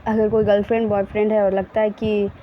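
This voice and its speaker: A woman teaching English grammar in Hindi, saying example sentences very slowly and then explaining quickly, often correcting herself with small apologies. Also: mid-range voice, flat delivery. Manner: self-correcting, apologetic asides. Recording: dull lo-fi sound with faint background hiss.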